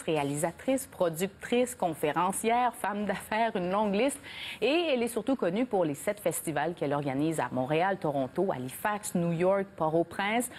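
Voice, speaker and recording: A woman hosting a TV business program, reading a measured scripted introduction and then asking short questions. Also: fairly low pitch, darkish tone, slight background noise. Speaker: TV business news host. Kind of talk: broadcast interview hosting.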